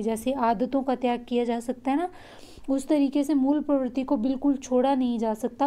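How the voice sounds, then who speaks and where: A woman's voice: sits high, warm tone. A woman teacher giving an exam-prep lesson, restating each point in simpler words and checking in often.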